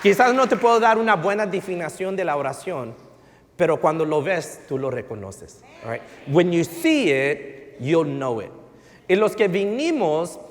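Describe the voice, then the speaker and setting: A male pastor, telling a story in a relaxed sermon and slipping into English phrases. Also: high-pitched. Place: church sanctuary. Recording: reverberant church hall.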